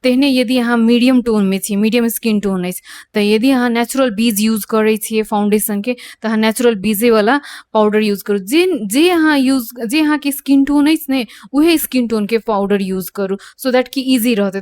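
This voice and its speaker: A woman's voice: a little high, normal speed, darkish tone, no echo. A woman who teaches makeup. She gives a beauty tutorial and hesitates often, mixing English phrases into her speech. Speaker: makeup instructor.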